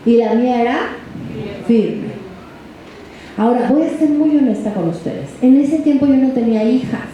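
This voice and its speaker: Dark-voiced Mexican woman lecturing parents. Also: a little high, moderate pace, pauses often. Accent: Mexican Spanish. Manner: conversational, ends phrases with tag questions to the audience. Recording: echoey room with faint background noise.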